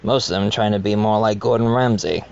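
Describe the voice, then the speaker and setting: In an amateur murder-mystery audio drama, partly narrated, a man plays a genial yet scheming wealthy host, greeting guests formally, courteously and deliberately. His voice is fairly low and darkish with vocal fry, and the recording is muffled with slight background noise.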